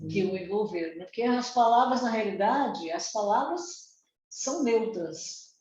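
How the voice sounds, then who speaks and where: A woman in a study group calmly sharing a family story and reflecting on it over a video call. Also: mid-range voice, moderate pace. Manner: reflective, anecdotal. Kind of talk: casual group discussion. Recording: roomy dull call audio with faint noise.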